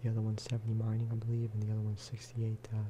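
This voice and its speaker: A quiet-voiced man runs a gaming ASMR video, speaking low and flat at a racing pace. He chats loosely and keeps slipping into whispers, with clear background noise and clicks behind him.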